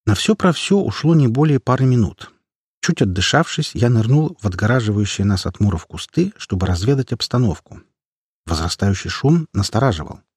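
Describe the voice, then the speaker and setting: A man's voice: on the low side, big pitch swings, fairly quick, darkish tone, husky, dry recording, clean studio sound. A man narrating an action story audiobook in the first person, telling it dramatically.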